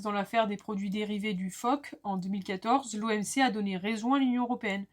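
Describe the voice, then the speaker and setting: A woman lecturer explaining a law lesson step by step, with clear, structured delivery and small asides to the viewer. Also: mid-range voice.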